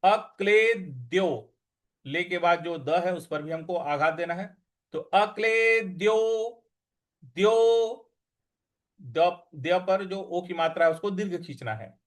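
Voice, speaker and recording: A man teaching Sanskrit recitation, chanting verses slowly and drawn out, then explaining patiently and briskly. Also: high-pitched. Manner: patient, instructive. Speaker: scripture teacher.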